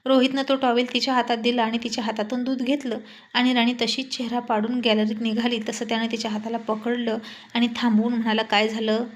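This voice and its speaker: Brief: a woman storyteller with a fairly high voice, narrating steadily and expressively. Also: little pitch movement, fast.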